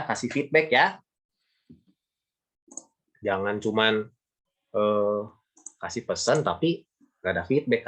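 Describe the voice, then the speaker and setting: A male teacher giving a casual classroom lesson, talking chattily and repeating points with emphasis. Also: lowish voice. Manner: chatty, repetitive, emphatic, gives everyday examples.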